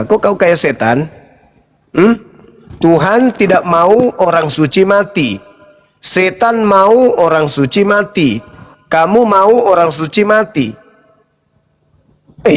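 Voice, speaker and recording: A high-pitched man argues over an online call. He is combative and mocking and keeps firing the same question back. He laughs at his opponents. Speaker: debater in an online interfaith discussion. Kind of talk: heated debate.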